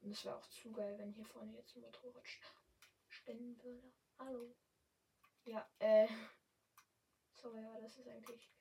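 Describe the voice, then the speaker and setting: A young woman speaking standard German, chatting casually and excitably while commentating her gameplay. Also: on the high side, moderate pace, creaky, pauses often, recorded from a distance, rough recording. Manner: chatty, excitable, yelps and exclaims often. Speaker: gamer streamer.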